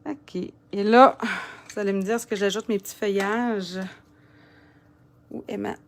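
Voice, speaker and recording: A woman's voice: mid-range voice, fairly even intonation, a little slow, gravelly. A woman with a Quebec French accent giving a casual crafting tutorial, chatting and muttering to herself as she works. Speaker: papercraft demonstrator.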